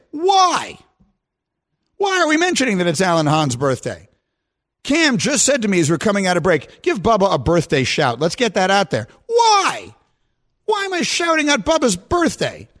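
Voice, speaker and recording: A man's voice: high voice, a bit bright. A man in his fifties hosting a radio talk show, giving his opinions in a mock-outraged rant that keeps building in emphasis. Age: 50s. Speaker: radio host.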